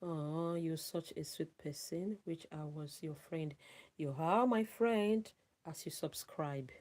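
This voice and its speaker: A Nigerian woman with a low, darkish voice talks slowly as a live streamer, chatting casually with her listeners. She's friendly and effusive, repeatedly thanking people and giving shout-outs by name.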